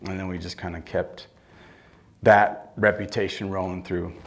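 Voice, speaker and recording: A man's voice: deep voice, little pitch movement, moderate pace. A middle-aged man, a builder who owns his company, answering interview questions on stage in a blunt, plain-spoken way. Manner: blunt, plain-spoken, restarts mid-sentence. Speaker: construction company owner, guest. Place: event room with audience.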